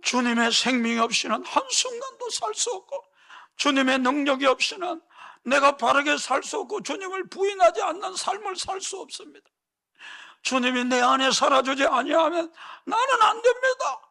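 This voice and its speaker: A man's voice: very high-pitched, moderate pace, long pauses, bright, forceful tone, voice pushed up, heavily acted. A male pastor voicing a remorseful grown man weeping and pleading in prayer, his voice straining upward. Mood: tearful pleading.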